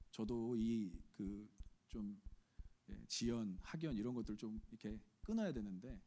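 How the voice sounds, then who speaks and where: A middle-aged Korean man with a Chungcheong accent, preaching a sermon with animated delivery, asking the congregation questions and acting out quoted voices. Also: on the low side, a little hiss or hum. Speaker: pastor.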